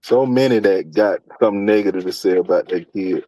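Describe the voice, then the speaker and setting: A man's voice: low voice, fairly quick, mellow, no echo, poor audio. A man from Georgia co-hosting a podcast, bantering playfully in casual chat. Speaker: podcast co-host.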